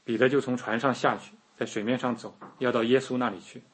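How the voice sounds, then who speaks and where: Very husky male preacher. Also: medium pitch, fairly quick. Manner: lively storytelling, acting out quoted speech. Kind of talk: sermon.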